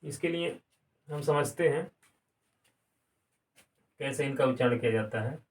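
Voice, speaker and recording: A man's voice: mid-range voice, a little slow. A male grammar teacher giving a classroom lesson, asking questions and answering them himself, repeating key words. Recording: distant mic, some room sound.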